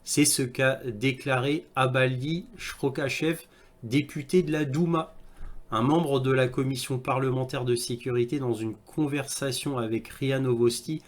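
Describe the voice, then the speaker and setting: A man commenting on video clips and reading articles aloud, with halting delivery and frequent hesitations. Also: mid-range voice, steady tone. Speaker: online news commentator.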